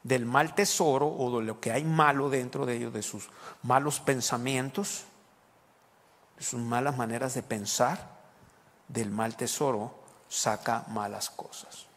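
A man's voice: medium pitch, fairly even intonation, a little slow, fairly bright tone. A man preaching a sermon as pastor, explaining scripture and putting questions to the congregation. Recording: long reverb of a large hall.

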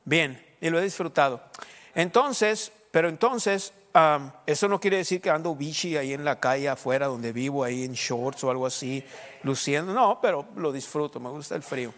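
A man with a Sonoran Mexican accent, a pastor preaching a sermon with lively asides and jokes to his congregation. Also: fairly high pitch, moderate pace, in a large hall. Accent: Sonoran Mexican Spanish. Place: church.

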